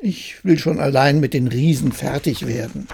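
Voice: mid-range voice, moderate pace, creaky, a little mellow, slightly rough. A reader voicing a cheeky, boastful young tailor from a fairy tale, bragging cheerfully. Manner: brags cheerfully.

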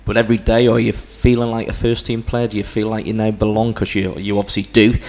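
Co-host guy, lowish flat voice, talks fast, faint room hum. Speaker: podcast co-host. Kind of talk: casual interview.

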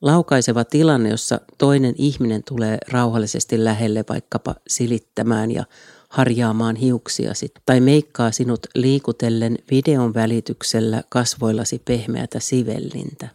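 Guy reading his podcast script, calm and even, gravelly mellow voice, dry small room. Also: mid-range voice, dry recording. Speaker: podcast host. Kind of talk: scripted solo podcast narration. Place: small home studio in an upstairs room.

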